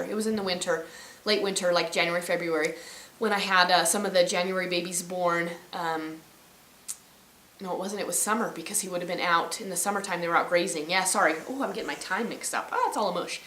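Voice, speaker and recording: A woman's voice: fairly low pitch, fast, pushed and bright, roomy sound, a little hiss or hum. A woman vlogging from her ranch, telling a story casually and rambling, often correcting herself. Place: outdoors on a ranch.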